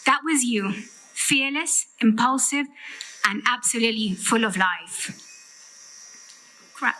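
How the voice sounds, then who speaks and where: Higher-pitched woman, heartfelt eulogy. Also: pushed and bright, a little hiss or hum, rough recording. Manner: heartfelt, emphatic, deliberate phrasing. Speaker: sister giving a farewell eulogy. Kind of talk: prepared eulogy speech.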